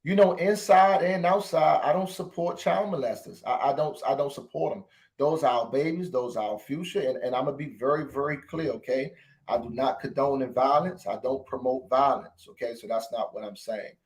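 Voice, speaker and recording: A man's voice: medium pitch, moderate pace, a little mellow. A man hosting a podcast, talking with emotion to his listeners and repeating phrases for emphasis. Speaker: podcast host. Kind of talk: impassioned commentary.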